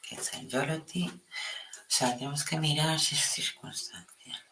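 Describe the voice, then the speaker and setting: A woman with a European Spanish accent hosting a live spiritual stream, chatting casually and affectionately and often dropping into a soft near-whisper. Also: low-pitched, little pitch movement, measured pace. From Spain. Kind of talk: casual live-stream chat reading viewer comments. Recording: echoey room with faint noise.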